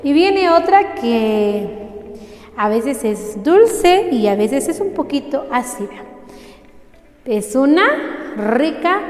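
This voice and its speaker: A woman teaching fruit names for the learner to repeat, speaking slowly and coaxing, spelling words out. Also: high voice, darkish tone. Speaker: language teacher. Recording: echoey room with faint music.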